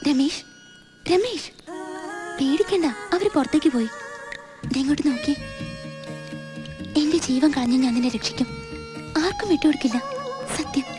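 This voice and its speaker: A woman's voice: high voice, moderate pace, pauses often, over music, close to an everyday voice. A young woman with a Malayali accent acting as a nervous, pleading college student in a film drama. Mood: protective. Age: young adult. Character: anxious young female college student under police questioning. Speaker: actor in a film.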